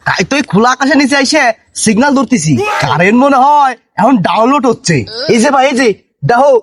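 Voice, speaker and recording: A man's voice: very high voice, expressive, quick pace. A man playing a gullible naive villager. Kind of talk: comic village drama acting.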